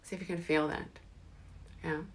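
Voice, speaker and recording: A woman leading a guided meditation, speaking slowly and soothingly and often dropping into soft whispers. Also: sits low, level tone, slight background noise.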